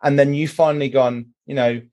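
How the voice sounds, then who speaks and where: A man's voice: medium pitch, fairly even intonation, a little fast, a little mellow. A British man in a casual discussion, ranting emphatically and swearing now and then. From Britain. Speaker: podcast host, mental health charity chair.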